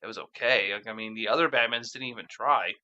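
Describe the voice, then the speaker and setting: A man's voice: fairly low pitch, quick pace, highs cut off. A man from Canada co-hosting a casual podcast, joking and swearing as he recaps a TV episode. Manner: animated, swearing, jokey. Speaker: podcast co-host. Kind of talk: casual chat.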